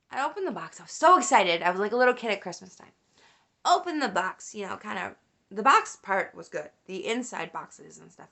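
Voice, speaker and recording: A young woman vlogger telling a story in a casual, animated way, swearing and laughing as she rants. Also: medium pitch.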